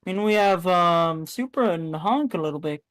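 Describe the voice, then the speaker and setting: A woman's voice: fairly low pitch, expressive, normal speed, dry recording. A woman commentating a live sim race in a chatty way, often correcting herself mid-sentence.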